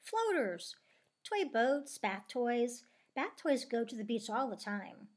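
A woman voicing a calm, gentle stuffed toy who comforts a friend. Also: on the high side, slow pace, exaggerated voice.

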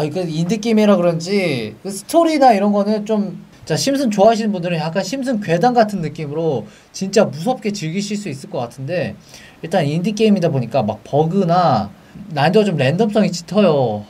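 Excitable young man doing game commentary. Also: high voice, brisk, recorded from a distance. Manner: excitable, yelps and shouts at scares, chatty asides to viewers. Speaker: game streamer. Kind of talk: horror game let's play commentary.

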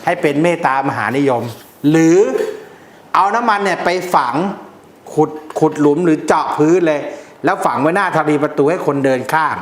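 A man explains amulet lore in a casual, jokey, blunt way, throwing in coarse slang. His voice sits a little high for a man. The room around him is noticeably echoey. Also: normal speed. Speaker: amulet teacher.

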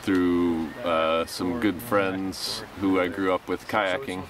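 A deep-voiced American man talks slowly in a documentary interview. He is recorded a little away from the mic, outdoors among pines. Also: flat delivery, far from the mic, crowd noise, low-quality recording. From Colorado, USA. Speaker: packrafter.

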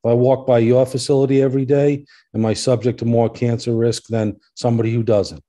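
A man's voice: medium pitch, level tone, a little fast, warm tone. A man speaking as a local resident at a public hearing, earnest and insistent, often repeating his points.

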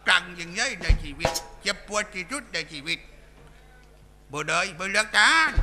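A man voicing a bawdy male village clown in a Southern Thai accent, telling coarse jokes in a live shadow puppet show. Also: high-pitched. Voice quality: coarse, rowdy, bantering.

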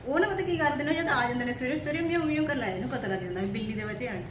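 A woman's voice: sits high, rapid-fire. A woman with a Punjabi accent chatting and playfully complaining in a casual household vlog. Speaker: family vlogger. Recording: echoey, distant mic, clearly noisy background.

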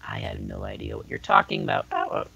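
A man voicing a sinister young impostor through a robotic, distorted voice filter, talking in a cold, deadpan, threatening way. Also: mid-range voice, fast, creaky, highs cut off, full character voice. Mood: flat denial. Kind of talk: machinima roleplay acting.

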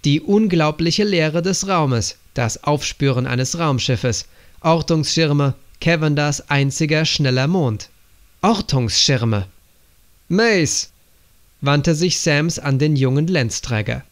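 A man reading an audiobook aloud in a steady narration. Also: a little high, a little slow, hardly any pauses. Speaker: audiobook reader.

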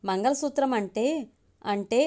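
A woman reads the lines of a teasing young husband in a storybook, her voice left fairly high and hardly lowered for the man. He jokes lightly and wears a worn-down patience. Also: a little slow, warm tone, natural voice. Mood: joking. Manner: joking, then pleading and exasperated. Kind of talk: storybook reading.

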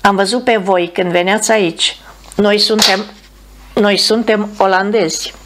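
A woman voicing an old Dutch man who speaks in broken, halting phrases in a storybook reading. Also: mid-range voice, steady tone, background noise, natural voice. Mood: eager.

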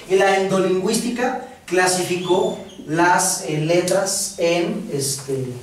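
A Mexican man teaches a class in a loose, slangy way, tossing questions out to the room. His voice sits high for a man. It sounds distant, with heavy room echo and a faint hiss underneath. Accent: Mexican Spanish. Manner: casual, slangy lecturing with filler words and questions to the audience. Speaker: course instructor. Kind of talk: classroom lecture. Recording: echoey room, voice from far off, faint noise.

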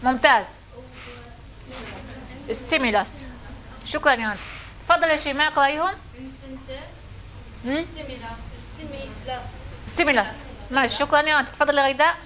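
A woman's voice: high voice, fairly quick, long pauses, sharp tone. A woman lecturer, teaching a classroom and questioning her students.

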